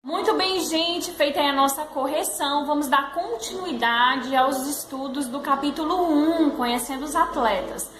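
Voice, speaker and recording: A woman's voice: sits high, normal speed, hardly any pauses. A woman teacher introducing the day's lesson and speaking directly to her students. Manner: friendly, addresses students directly. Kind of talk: class introduction. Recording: echoey room with background noise.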